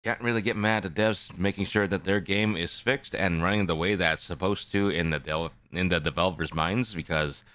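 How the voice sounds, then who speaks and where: A man's voice: sits low, normal speed, few pauses, fairly bright tone, dry recording. A man chatting casually on a livestream as the host, rambling and often repeating his phrases. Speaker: live streamer, VTuber host. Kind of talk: casual livestream chat with viewers.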